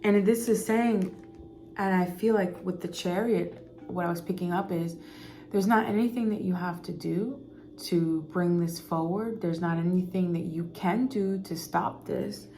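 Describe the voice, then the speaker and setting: A woman's voice: on the low side, a little slow, dark tone, soft background music. A woman giving a casual spiritual card reading, meandering and repeating words as she goes. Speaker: intuitive card reader.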